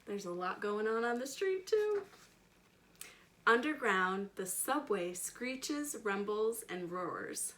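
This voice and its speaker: Slow and sing-song, this woman's medium-pitched, fairly bright voice carries a picture book read-aloud for kids. She's a storytime reader and educator who talks straight to the children, punching key words and tossing in chatty questions in plain language.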